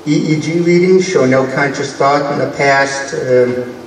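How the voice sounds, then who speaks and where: A man's voice: mid-range voice, a little slow, a little hiss or hum, natural voice. A man playing Professor Adler, sardonic space scientist. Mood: exasperated. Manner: dry, sardonic quips. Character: weary wisecracking male space professor. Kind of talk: live stage radio-play acting. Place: large convention hall stage. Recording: echoey hall, distant mic.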